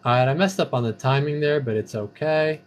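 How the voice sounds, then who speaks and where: A man's voice: medium pitch, a little fast, slight background noise. A man giving casual, playful commentary while playing an online game, breaking into sing-song chants and silly catchphrases. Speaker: gamer streamer.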